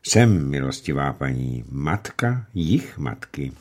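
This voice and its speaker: A man voicing a kindly old peasant grandmother who talks in a homely, gently scolding way. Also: very deep voice, big pitch swings, pitched below the performer's own voice, full character voice. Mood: homely, gentle.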